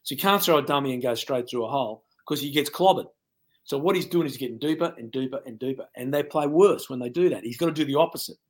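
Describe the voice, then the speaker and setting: Ex-coach guy breaking down rugby, blunt and jokey, middle pitch. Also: fast. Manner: blunt, colourful, laughs at his own jokes. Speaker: rugby pundit, former coach. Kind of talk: casual sports analysis.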